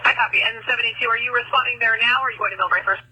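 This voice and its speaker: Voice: mid-range voice, steady tone, rapid-fire. An emergency dispatcher speaking over a two-way radio in clipped procedural phrases full of codes. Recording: noisy emergency radio channel.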